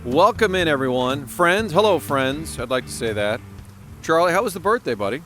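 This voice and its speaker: A man's voice: on the high side, lively intonation, normal speed, fairly bright tone, faint music behind. A man in his forties hosting a casual chat podcast, hyper and joking. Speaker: podcast host.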